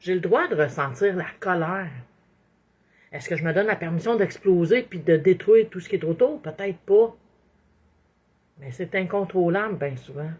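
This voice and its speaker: A woman with a Québécois accent talks through everyday advice in a loose, expressive monologue, voicing her own inner thoughts as she goes. Her voice sits a little low and carries a husky, breathy edge. The sound is muffled and slightly lo-fi. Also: normal speed. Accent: Québécois French. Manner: expressive, acts out inner thoughts, frequent "hein". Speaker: inspirational speaker. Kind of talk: casual motivational monologue.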